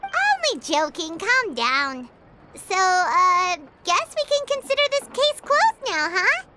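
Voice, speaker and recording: A woman voicing a tiny chirpy floating companion in a video game, bubbly and quick to tease. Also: extremely high pitch, very animated, heavy background noise, exaggerated voice. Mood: cheerful. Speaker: travel companion. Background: game music.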